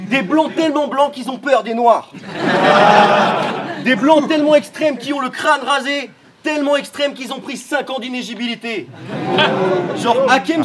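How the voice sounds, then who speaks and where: High-voiced man mocking in a rap battle. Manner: mocking, punchline-heavy delivery. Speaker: battle rapper. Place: live event before a crowd.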